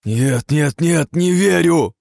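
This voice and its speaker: A man voicing a furious, greedy aristocrat who shouts and snarls. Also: on the low side, normal speed, no echo, clean studio sound, voice pushed up, close to an everyday voice. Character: furious greedy middle-aged male aristocrat.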